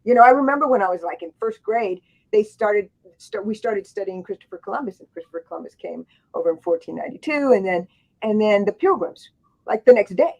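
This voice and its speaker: On a book panel, a woman author tells casual, wandering stories, restarting often and slipping in asides; she grew up in Thailand and Japan. Her mid-range voice is expressive and fairly quick. The recording sounds dull and lo-fi.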